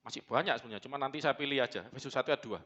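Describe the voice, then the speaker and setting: A man's voice: mid-range voice, very fast, pushed and bright, lo-fi sound. A man preaching a sermon to his church congregation, blunt and joking, slipping into phrases. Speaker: pastor.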